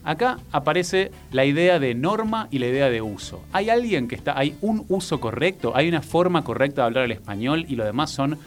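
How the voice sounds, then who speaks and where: A man with a Rioplatense Argentine accent speaks as a teacher, calm and methodical, pausing on little "eh" fillers as he builds his explanation. His pitch sits in a middle register. Faint music plays underneath. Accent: Argentine Rioplatense Spanish. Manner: patient, measured, frequent "eh" fillers and "¿no?" tags. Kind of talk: explanatory educational talk.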